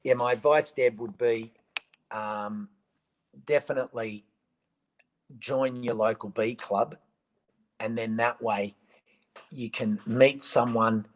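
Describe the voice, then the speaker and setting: A man's voice: medium pitch, steady tone, takes it slowly, pauses often, low-quality recording. A man answering viewer questions on a casual live stream, rambling with many restarts and ums.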